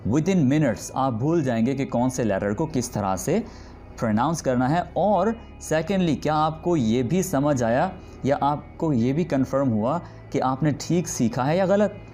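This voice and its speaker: Slow, mellow-voiced male pronunciation teacher. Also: medium pitch, lively intonation, faint music behind. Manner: repeats example words slowly and deliberately. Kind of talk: spoken pronunciation lesson.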